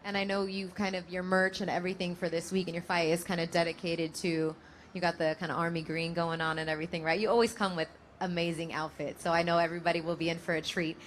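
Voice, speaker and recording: A woman's voice: fairly low pitch, level tone, quick pace, a little hiss or hum. A woman with an American accent, hosting a boxing press conference as moderator. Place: live press event, at a table of fighters.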